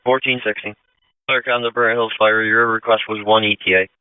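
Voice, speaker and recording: Fast, clear male fire dispatcher on radio. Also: on the low side, level tone, dry recording. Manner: terse, procedural acknowledgements. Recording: narrow tinny dispatch radio.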